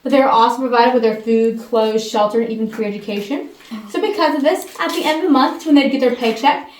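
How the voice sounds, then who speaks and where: Cave echo, high female voice, tour guide explanations, picked up from a distance. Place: inside a damp cave. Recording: echoey cave, distant mic, faint noise.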